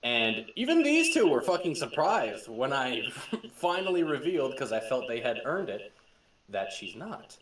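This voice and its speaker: A man's voice: medium pitch, unhurried, distant mic, slight background noise. A young man hosts a casual podcast and tells tabletop game stories, his voice swinging up and down as he laughs and swears through them. The room sounds echoey, and he sits well back from the mic. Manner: laughing, swearing, excitable storytelling. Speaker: podcast host and game master. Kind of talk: casual chat.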